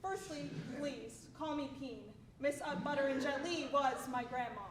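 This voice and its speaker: A woman's voice: high voice, normal speed, a crowd in the background, close to an everyday voice. A woman playing a dry, pedantic news field reporter in a comedy sketch. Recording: roomy, distant, noisy.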